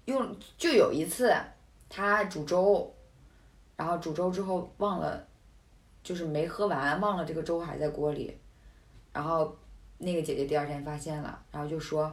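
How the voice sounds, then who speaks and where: A woman chatting casually, telling a story with animated, indignant outbursts. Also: low voice, normal speed. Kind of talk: casual chat.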